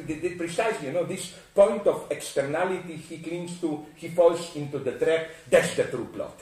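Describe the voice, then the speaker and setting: A man's voice: a little high, a little mellow. A man from Slovenia giving a philosophical lecture, digressive and self-interrupting with frequent asides. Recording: echoey room from far off.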